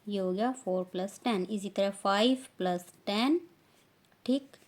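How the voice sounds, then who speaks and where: A woman from India with an Indian accent, teaching a beginner language lesson, saying each word slowly and loudly and repeating it. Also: medium pitch.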